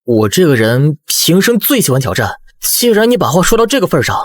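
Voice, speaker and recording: A man voicing a smug young bookshop owner in an animated comic, speaking in dry, teasing tones. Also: on the high side, a little fast.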